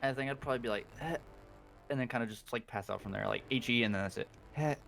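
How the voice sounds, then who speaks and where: A man's voice: medium pitch, very fast, creaky, fairly bright tone, soft background music. A man playing a tabletop game, casual and muttering his moves. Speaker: player.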